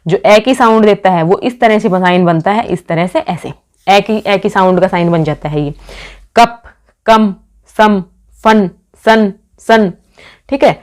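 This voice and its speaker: A woman teaching an exam-prep phonetics lesson at a middle pitch. She talks to her students as friends and keeps asking questions that she answers herself. She reads out example words one at a time. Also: a little slow, darkish tone. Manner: calls the class "friends", asks questions and answers them herself.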